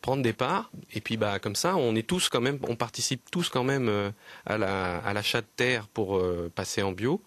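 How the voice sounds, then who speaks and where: A man from Lower Normandy, a guest on a radio interview, explaining earnestly and hesitantly with many fillers and restarts. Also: moderate pace, a bit bright, no echo. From Lower Normandy, France. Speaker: guest, land trust representative.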